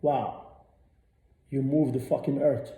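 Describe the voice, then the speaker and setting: A man's voice: mid-range voice, steady tone, slow, vocal fry, warm tone. Profane ranting man, echoey room. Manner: blunt, profane, repeats himself. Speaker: radio host. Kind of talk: ranting monologue.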